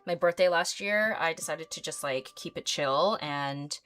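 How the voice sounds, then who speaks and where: A woman in her mid-thirties talks casually to her livestream viewers while she paints. Her voice sits notably low for a woman, and she rambles along with plenty of ums, likes and small giggles. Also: a little slow, fairly bright tone, soft background music. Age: 30s. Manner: rambling, filler-heavy, giggly. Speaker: artist livestream host.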